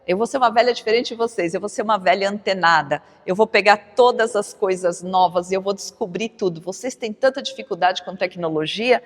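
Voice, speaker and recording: A woman's voice: mid-range voice, a little fast, hardly any pauses, lightly acted. Cocky teenage girl, as a woman quotes her. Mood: defiant. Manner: defiant, boastful. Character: cocky teenage girl sure she'll be different. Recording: long hall reverb.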